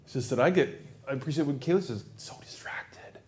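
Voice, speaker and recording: A man preaching a sermon. He swings from loud outbursts to hushed near-whispers and repeats words as he builds a point. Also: medium pitch, lively intonation, racing. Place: church service.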